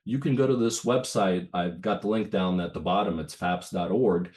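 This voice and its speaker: Deep and a little mellow, this man's voice moves at a moderate pace. He's a Ukrainian in his thirties recovering from a cold, itchy throat and all, giving a casual bar webinar talk over video call with lots of fillers and false starts.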